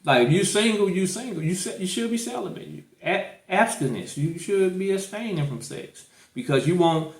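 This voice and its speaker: Animated and high-voiced, a man hosts a podcast at an ordinary speed. The St guy keeps circling back to the same points, emphatic, colloquial and full of opinions, with an echoey, spacious room sound.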